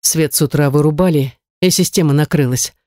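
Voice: mid-range voice, a little fast, darkish tone, dry recording, studio quality, close to an everyday voice. Dima, a reader voicing a menacing kidnapper man. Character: menacing male kidnapper, cold and scheming. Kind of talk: audiobook character reading.

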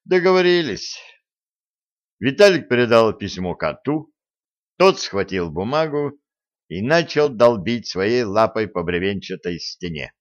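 A man narrating a fantasy audiobook in an even, unhurried storytelling manner, on a dull lo-fi recording. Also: on the low side.

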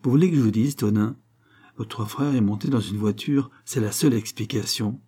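A man reading the lines of a blunt middle-aged male police inspector, brisk and reasoning aloud, in an audiobook. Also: on the low side, warm tone, husky. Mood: reassuring.

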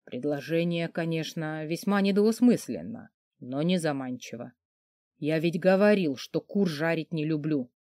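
A woman voicing a hoarse, feverish brute of a man. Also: animated, a little slow, mellow, dry recording, studio quality. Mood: mocking. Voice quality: hoarse, husky. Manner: gruff, mocking, low and subdued. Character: feverish, sarcastic, crude hulking man. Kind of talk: audiobook character voice.

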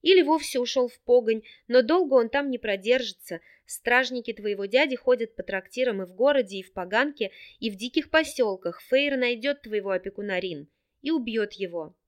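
Female reader voicing a naive, tearful young girl; breathless, pleading, higher register. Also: a little fast, natural voice. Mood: gossiping.

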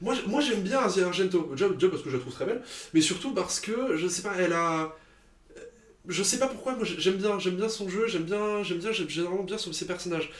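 A man's voice: high voice, roomy sound. A man co-hosting a casual podcast about films, talking in an opinionated, chatty way with frequent fillers. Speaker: podcast co-host. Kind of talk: casual film chat.

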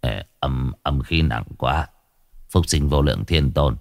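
A man's voice: on the high side, very animated, unhurried, fairly bright tone, voice pushed up. A man doing a sonorous old exorcist. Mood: fearful. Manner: sonorous, chanting, self-assured. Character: old village Taoist exorcist man, pompous.

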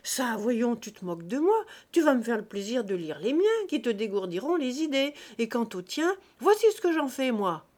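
A woman voicing a domineering, boastful man who mocks and declaims loudly in a read-aloud story. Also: fairly high pitch, measured pace. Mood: scornful. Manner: loud, exclamatory and mocking.

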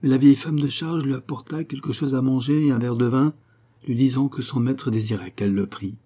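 A man narrating a literary novel as an audiobook in a measured, even reading. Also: mid-range voice, slightly rough.

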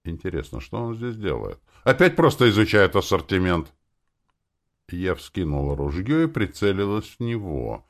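A man narrating a dark first-person story in an expressive dramatic reading. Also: moderate pace. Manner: expressive, with lively pitch swings.

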